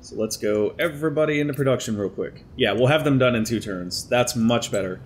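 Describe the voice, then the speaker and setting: Brisk and mid-range, this young man's voice comes through a headset mic with slight background noise. He's a bit congested from allergies, chattily reasoning through his plays aloud in let's play commentary on a strategy game.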